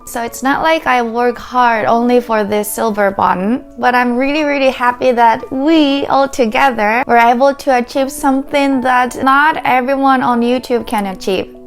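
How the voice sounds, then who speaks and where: A Japanese woman with a Japanese accent and a cute, high, anime-like voice, talking earnestly and gratefully to camera as a teacher. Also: slow, hardly any pauses, faint music behind. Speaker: Japanese teacher and video creator. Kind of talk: heartfelt talk to camera.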